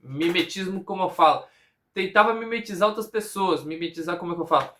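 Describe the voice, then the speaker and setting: A man's voice: high voice, quick pace, fairly bright tone, a little hiss or hum. A man with a Brazilian accent talking casually to camera, rambling, repeating himself and asking himself questions as he thinks aloud. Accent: Brazilian Portuguese. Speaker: vlogger. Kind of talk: casual personal monologue.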